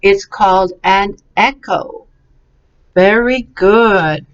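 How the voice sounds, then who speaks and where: A woman's voice: mid-range voice, drawn-out words, smooth. A woman teaching English vocabulary, patiently and encouragingly sounding out words syllable by syllable. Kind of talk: slow, clearly enunciated vocabulary and pronunciation lesson. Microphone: webcam. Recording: slightly dull, lo-fi webcam recording.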